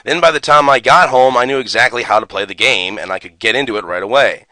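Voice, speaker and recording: The audio is poor and dry as a gaming YouTuber rants and reads a booklet in a quick, bright, forceful mid-range voice. He comes across as opinionated, sarcastic and exasperated, pressing hard on his words.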